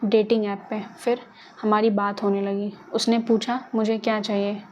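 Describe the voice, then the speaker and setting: A woman's voice: mid-range voice, little pitch movement, moderate pace, a little mellow, dull audio, slight background noise, lightly acted. A woman voicing a frightened young woman who speaks in a shaky, pleading way. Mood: meek. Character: frightened, tearful young woman murder suspect.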